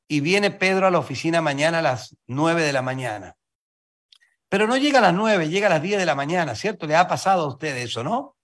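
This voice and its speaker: A man gives a motivational sales seminar, and his voice sits fairly high. It swings up and down as he throws questions at the crowd and slows down to repeat his key lines. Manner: asks the audience rapid questions, repeats key phrases slowly. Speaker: sales team leader speaking to distributors.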